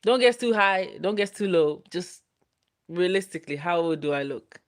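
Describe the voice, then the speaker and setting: Reading viewer comments aloud with playful teasing and lots of laughter, a woman in her twenties from Ghana hosts a relaxed livestream. She speaks in a lowish, expressive voice at a moderate pace.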